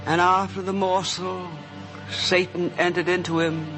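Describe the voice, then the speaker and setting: In a radio drama with prominent background music, an actor voices a solemn scripture narrator and also speaks the words of a grave Jesus, sounding reverent and formal. His male voice is high, with a flat, unhurried delivery.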